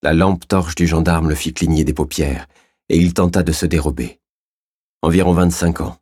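Measured male storyteller with a very deep, husky voice and a dry, close sound. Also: fairly even intonation, a little mellow, dry recording. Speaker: audiobook narrator. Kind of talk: scripted narration.

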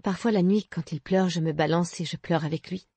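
A woman voicing a protective, shaken young mother who talks softly and haltingly in an audiobook. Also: lowish voice, slightly rough, no echo. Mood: tender.

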